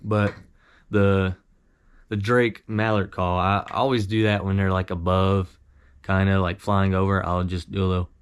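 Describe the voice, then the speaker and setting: A man giving an informal instructional talk as an amateur hunter, modest and halting in how he explains things. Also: deep voice, flat delivery, smooth. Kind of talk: casual instructional talk with demonstrations.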